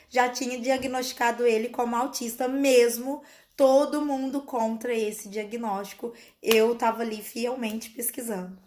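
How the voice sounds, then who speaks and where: A woman speaks to the camera in a casual vlog, explaining her child's story. Her voice sits somewhat high, and she keeps turning to her audience to stress what matters. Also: a little mellow. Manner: earnest, explanatory, often calls out to her viewers.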